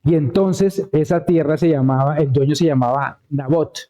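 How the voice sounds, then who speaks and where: A man's voice: on the high side, fairly even intonation, moderate pace, warm tone. A man preaching a conversational sermon, telling a Bible story and checking in with the congregation. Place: church.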